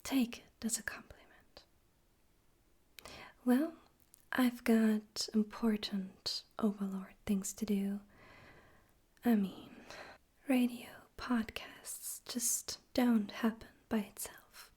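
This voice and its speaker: The smug, theatrical demon overlord of this ASMR roleplay is voiced by a woman in a breathy, soft whisper, unhurried, teasing, and condescending. Fairly high in pitch, her intonation stays fairly even, and the mood is smug and fond.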